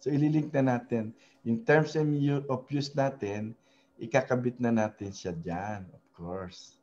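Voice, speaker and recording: A web design tutorial host speaks in a mellow, medium-pitched male voice, taking his time and sounding hesitant, with lots of fillers and frequent tag questions. It's a casual screen-share tutorial mixing Tagalog and English, and the audio is dull.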